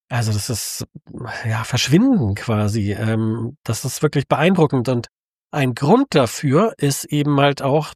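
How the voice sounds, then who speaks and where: A man's voice: medium pitch, vocal fry, no room sound, studio quality. A man talking in a casual, thoughtful monologue, with many fillers and restarts.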